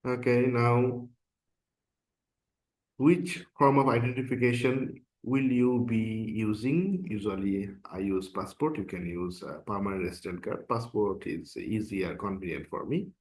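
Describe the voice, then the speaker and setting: This is a screen-recorded tutorial walkthrough by a course instructor from Bangladesh, a man who speaks English non-natively and has Bangla as his first language. His lowish, slightly slow and slightly mellow voice carries a casual, explanatory tone. He goes through an application form step by step, saying "uh" and "okay" a lot.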